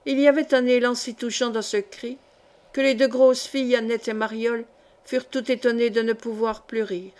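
A woman reading a historical novel aloud as an audiobook, with clear, expressive storytelling. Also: fairly high pitch, normal speed. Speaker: audiobook reader. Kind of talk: expressive literary audiobook narration.

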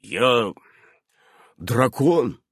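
A man's voice: on the high side, huge pitch swings, measured pace, husky, no echo, clean studio sound, voice pushed up, exaggerated voice. A man voicing a stiff, formal grown man, a dragon in human shape, who speaks solemnly and takes offence easily. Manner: solemn, officious, sulky. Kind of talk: audiobook character voice.

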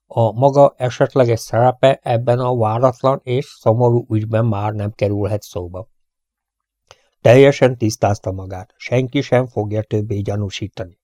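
A man voicing a dignified, gentle male prince who speaks softly but firmly, in a storybook reading. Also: fairly low pitch, fairly even intonation, no room sound, studio quality, close to an everyday voice. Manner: soft-spoken but firm.

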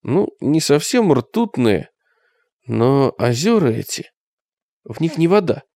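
A man's voice: mid-range voice, big pitch swings, no room sound, clean studio sound. A man reading a haunted, brooding survivor. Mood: uneasy. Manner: quiet, brooding, slow. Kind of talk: audiobook character reading.

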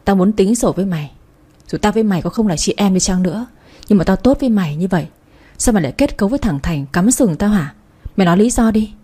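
A woman's voice: mid-range voice, expressive, quick pace, dark tone, slightly rough. Woman reading a furious betrayed older sister. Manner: angry, accusing.

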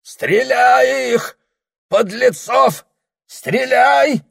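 A man voicing a delirious wealthy middle-aged man in an audiobook, shouting frantically and whispering feverishly. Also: on the low side, lively intonation, slow pace. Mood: raving. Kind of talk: audiobook character voice.

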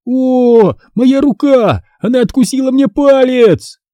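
A whiny, mischievous prankster boy, played by a male reader, pushed high and loud, whining and wheedling. The tone is dark and a little husky. The sound is dry and close. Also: sing-song, moderate pace, dry recording, heavily acted. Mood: yelping. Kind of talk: audiobook character reading.

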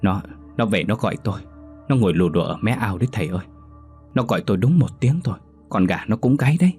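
A man's voice: lowish voice, animated, quick pace, darkish tone, husky, faint music behind. A man voicing a frightened old grandfather in a ghost story, stammering and pleading in a trembling voice. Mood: terrified.

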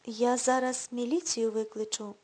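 A firm woman who brushes off an unwanted suitor with cool mockery, as a woman reader voices her. The voice is high and breathy. Read as part of an audiobook. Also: level tone, moderate pace, darkish tone, natural voice. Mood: mocking. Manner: cool and dismissive. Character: mocking, firm pregnant woman.

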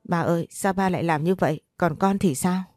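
A woman's voice: fairly low pitch, brisk, darkish tone, no room sound, clean studio sound, faint music behind, natural voice. A woman voicing a frightened thirteen-year-old girl who pleads through sobs. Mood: panicked. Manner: sobbing pleas.

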